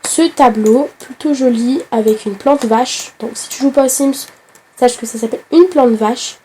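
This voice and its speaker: A woman with a hoarse voice from a flu, chatting straight to the viewer in a casual game tutorial, with hesitant fillers. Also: high voice, normal speed, dark tone, a little hiss or hum. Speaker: gaming tutorial host.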